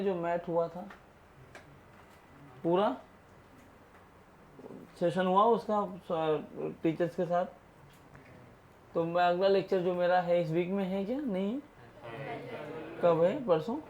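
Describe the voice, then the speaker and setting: A male physics teacher giving a chatty classroom lecture, advising and gently scolding his students. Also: sits high, slight background noise. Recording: dull lo-fi classroom recording.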